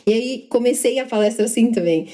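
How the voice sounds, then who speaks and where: A young Brazilian woman co-hosting a podcast, telling work stories in a lively, self-deprecating way with quick asides. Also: a little high. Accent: Brazilian Portuguese. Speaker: podcast co-host. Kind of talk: casual storytelling chat.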